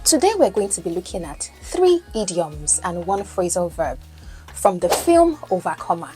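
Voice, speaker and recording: Over soft background music, a Yoruba-speaking Nigerian woman who coaches English and hosts a podcast gives a lesson mixed with Pidgin, explaining and quizzing her listener. She sounds very animated and warm, with a fairly low pitch and normal speed.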